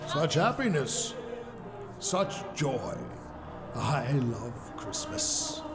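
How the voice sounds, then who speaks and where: An actor playing a jovial, commanding Christmas spirit in a radio play, with theatrical, drawn-out calls. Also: male voice, a little high, wildly swooping pitch, music in the background, heavily acted.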